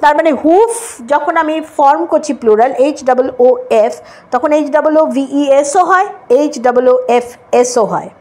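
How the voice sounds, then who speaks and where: A woman gives an English vocabulary lesson in a high voice. She spells words out letter by letter and often stops to check that her students follow. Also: lively intonation, moderate pace, a little mellow. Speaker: English teacher. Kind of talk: Bengali-language English lesson.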